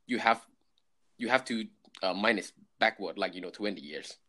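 A man in his twenties with a Thai accent chatting casually, often pausing to search for words. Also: lowish voice, sharp tone. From Thailand. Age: 20s. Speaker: conversational co-host. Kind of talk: casual chat.

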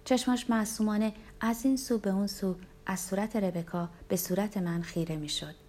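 A woman narrating a novel aloud in the first person, with a measured, even reading. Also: mid-range voice. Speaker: audiobook narrator.

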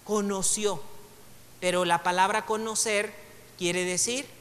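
High, bright Mexican man teaching a class. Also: fairly even intonation, takes it slowly. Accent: Mexican Spanish. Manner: conversational, joking asides, reads passages aloud. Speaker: Bible teacher. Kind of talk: casual classroom lecture. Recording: long hall reverb.

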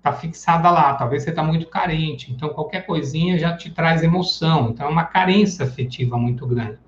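A man with a fairly high voice teaches a live online class in a loose, chatty way and acts out little everyday scenes as he goes. The sound is roomy and echoey. The audio is dull and lo-fi. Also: a little fast. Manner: casual and chatty, acting out everyday examples. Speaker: psychoanalysis teacher.

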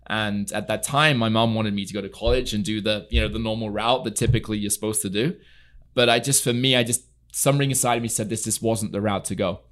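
A man's voice: on the low side, fairly even intonation, fast talker, a bit bright. A young man from England, a guest in a studio interview, talking earnestly with many fillers. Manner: earnest, storytelling, frequent fillers. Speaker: podcast guest, equestrian entrepreneur. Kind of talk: casual interview chat. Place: podcast studio.

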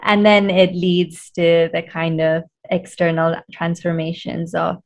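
A woman guest in an interview, a coach explaining her work in a thoughtful, measured way. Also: fairly low pitch, little pitch movement. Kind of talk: conversational interview.

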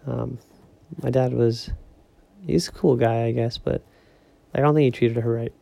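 Soft-spoken young man, gravelly and dark. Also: mid-range voice, steady tone, unhurried, dry recording. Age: young adult. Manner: rambling, filler-heavy, talking softly so as not to wake others. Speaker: podcast host. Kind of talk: casual solo podcast musing. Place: home at night.

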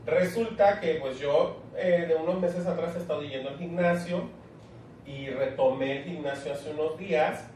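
Mexican man telling a story, echoey. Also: normal speed. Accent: Mexican Spanish. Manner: slangy storytelling, animated quoting. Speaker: co-host. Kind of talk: casual chat. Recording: echoey room, far from mic, faint rumble.

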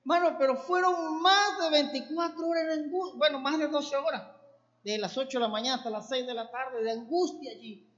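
A man's voice: extremely high pitch, a little fast, a bit bright. A man, a pastor, giving an earnest, emotional sermon with a personal testimony. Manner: earnest and emotional, building to fervent exhortation. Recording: echoey room, dull lo-fi sound.

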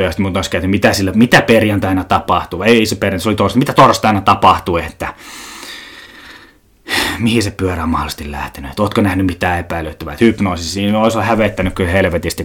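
A young man hosting a solo podcast, rambling through jokey, self-mocking stories and swearing casually. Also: lowish voice. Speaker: podcast host.

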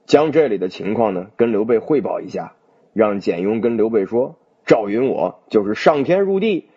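A man telling a classic novel as a storyteller, in an animated, dramatic retelling. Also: fairly low pitch, husky, muffled recording.

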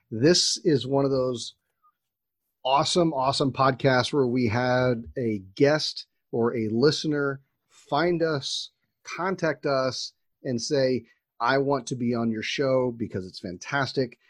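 A man co-hosting a podcast interview, excitable and slangy, loose with fillers and restarts. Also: mid-range voice, no room sound, studio quality. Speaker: podcast co-host.

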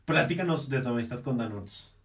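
A man's voice: medium pitch, expressive, creaky. A young man with a Mexican accent, chatting and teasing casually as a podcast host. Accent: Mexican Spanish. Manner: fast, slangy, teasing. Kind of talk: casual chat. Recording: distant mic with faint noise.

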